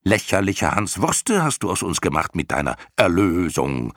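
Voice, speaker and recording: A shrill screechy clown swarm, mocking, voice leaping all over, gravelly edge, dry sound. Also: male voice, very animated, normal speed, fairly bright tone, no echo, full character voice. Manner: shrill, shrieking chorus, frantic and mocking. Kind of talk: audiobook character voice.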